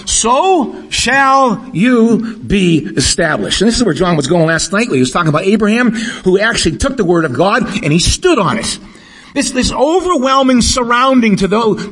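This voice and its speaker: A man's voice: high-pitched, fairly bright tone, breathy edge. A middle-aged man preaching a sermon, emphatic, often repeating words and asking the congregation questions. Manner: emphatic, repeats words while building a point.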